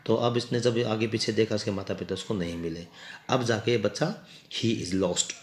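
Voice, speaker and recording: A man's voice: fairly low pitch, normal speed. A man teaching a class. He reads an English story line by line, then explains it and spells out words. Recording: roomy echo.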